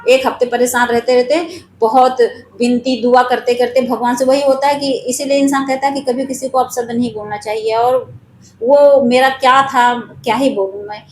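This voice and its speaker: A woman's voice: high voice, flat delivery, moderate pace, a little mellow, reverberant, slight background noise. A woman telling her own spiritual story in an earnest, confiding way, speaking straight to her viewers.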